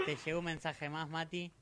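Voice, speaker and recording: A man with a Rioplatense accent, hosting a radio show and teasing his co-host casually. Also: a little high. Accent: Rioplatense Spanish. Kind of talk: casual chat.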